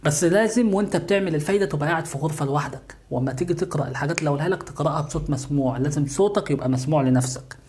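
A man's voice: fairly high pitch, racing, few pauses, a little mellow, slight background noise. A man with an Egyptian accent hosts his channel, giving casual spiritual how-to instructions, often calling out to viewers and answering his own questions. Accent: Egyptian Arabic. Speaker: YouTube channel host.

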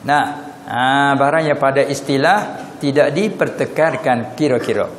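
This mid-range male voice belongs to a religious teacher from southern Thailand, whose Patani Malay accent comes through as he questions his listeners. Arabic terms are drawn out, and the echoey hall recording carries a faint hiss or hum.

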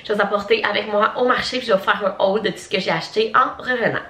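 A woman's voice: mid-range voice, fast talker, over loud music. Chatty Québécois woman vlogging. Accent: Québécois French. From Quebec, Canada. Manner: chatty, many fillers and asides. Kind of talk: casual vlog chat.

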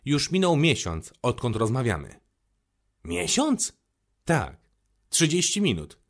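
A man's voice: medium pitch, wildly swooping pitch, takes it slowly, vocal fry, voice pushed up, heavily acted. A man voicing a weary, dutiful lamplighter who sounds resigned.

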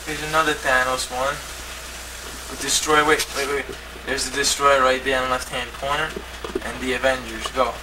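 A man's voice: mid-range voice, flat delivery, moderate pace. A man showing off his comic collection in a put-on TV-presenter voice, recorded on an old VHS home video. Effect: old VHS home video tape. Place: home, indoors. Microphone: camcorder mic across the room. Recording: hissy old VHS tape, mic far off.

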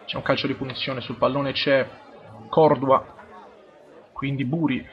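A man with an Italian accent giving live football play-by-play, measured and halting, in short phrases. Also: medium pitch, level tone, highs cut off. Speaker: football match commentator. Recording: crowd noise behind the voice. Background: crowd at a football ground.

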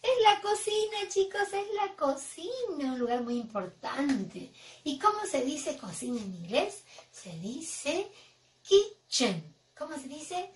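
A young woman teaching English words to small children, with an exaggerated, expressive sing-song delivery. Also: high voice, slow. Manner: exaggerated, expressive, acting out emotions for kids.

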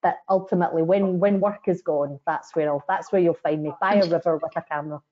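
Middle-aged woman guest, mellow low voice, reflective and hedging, lo-fi call. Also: fast. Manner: reflective, hedging with many "kind of"s. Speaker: webinar guest. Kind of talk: online panel interview. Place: home study with bookshelves. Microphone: laptop webcam video call. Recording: dull lo-fi video call audio.

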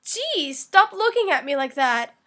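A high, squeaky schoolgirl class rep, prickly and flustered, stammering through huffy denials, as a hoarse woman puts her on. The voice sits well above an ordinary speaking pitch and keeps a sore, scratchy edge. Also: very animated, unhurried, fairly bright tone, full character voice.

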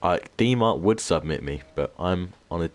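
Very low-voiced man streaming. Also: lively intonation, normal speed. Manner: laid-back banter, heavy swearing; keeps voice down, hushed. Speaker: gaming streamer. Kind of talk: casual live-stream commentary.

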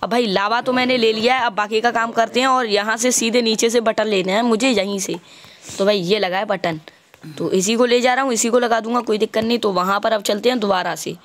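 A man giving casual gameplay commentary, chatty and walking the viewer through each step, stopping to fix his own mistakes out loud. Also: high-pitched, steady tone, brisk. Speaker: gaming channel host.

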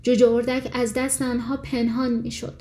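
Warm-voiced woman narrating a fairy tale. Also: a little high. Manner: calm, measured storytelling. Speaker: audiobook narrator. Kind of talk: scripted audiobook narration.

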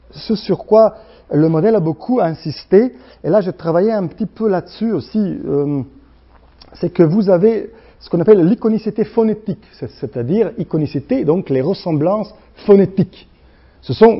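Slovene guy w slavic accent lecturing, highish voice, lots of uh and restarts, muffled lo-fi rec. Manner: halting, many restarts and fillers, acts out sounds. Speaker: guest lecturer. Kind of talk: university lecture.

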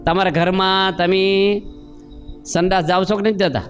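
A man's voice: sits high, level tone, measured pace, faint music behind. A man preaching a sermon, telling homely stories and questioning his listeners. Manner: storytelling with acted voices and questions to listeners.

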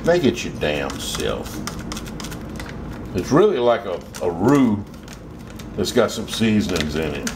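Slow-talking Southern man over kitchen noise. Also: deep voice, sing-song. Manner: folksy, unhurried, plain-spoken with mild swearing. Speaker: home cook demonstrating a recipe. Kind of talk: casual cooking vlog. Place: home kitchen, indoors. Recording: clear background kitchen hum noise.

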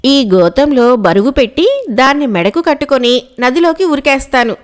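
A woman voicing a landlord's young son caught stealing in a storybook tale, talking low and urgent. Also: big pitch swings, moderate pace.

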